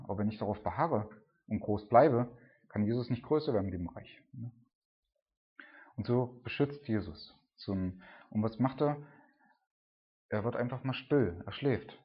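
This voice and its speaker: A man giving a sermon in a loose, conversational way, often adding "ne?" and rising to loud cries when he retells dramatic scenes. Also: medium pitch, highs cut off. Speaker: preacher.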